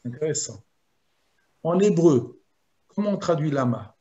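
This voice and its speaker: Rabbi giving a slow, unhurried Torah lesson, fairly high voice, chants verses aloud. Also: male voice, lively intonation, dark tone, highs cut off. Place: video lesson.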